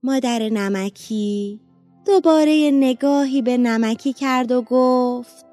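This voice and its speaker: A woman narrating a children's storybook in a lively, expressive read-aloud manner. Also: on the high side, dry recording, soft background music.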